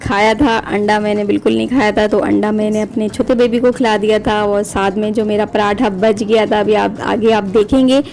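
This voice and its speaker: A woman in her thirties narrating her family vlog in a calm, even voice-over. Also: mid-range voice, moderate pace, gravelly, few pauses, slight background noise. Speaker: family vlogger and mother. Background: soft background music.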